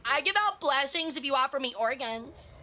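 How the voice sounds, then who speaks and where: High-pitched, bright, cute woman streamer. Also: lively intonation, moderate pace. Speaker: streamer hosting a tournament. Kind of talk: live game commentary and stream chat.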